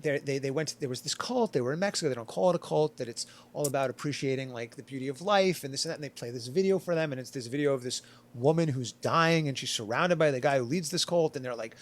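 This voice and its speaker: A man's voice: mid-range voice, quick pace. A man chatting casually on a podcast panel, rambling and full of "like", acting out quotes as he goes. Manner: rambling, filler-heavy retelling with acted quotes.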